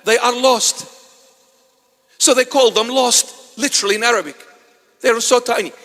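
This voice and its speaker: A man preaching a sermon as a bishop, swinging from loud exclamations to hushed asides with wry humor. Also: extremely high pitch, fairly even intonation, moderate pace. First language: Assyrian. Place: church. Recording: long church reverb.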